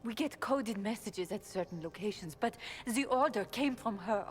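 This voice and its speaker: A woman's voice: mid-range voice, lively intonation, moderate pace, faint music behind, lightly acted. A woman playing a bitter, guarded elven servant and informant in a video game. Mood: guarded, uneasy. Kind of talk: video game dialogue acting.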